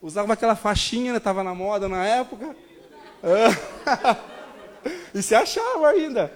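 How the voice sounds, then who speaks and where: A Brazilian man in his thirties preaching a sermon, telling a personal story in an animated way and calling the congregation brothers. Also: sits high, measured pace. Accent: Brazilian Portuguese. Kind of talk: sermon testimony.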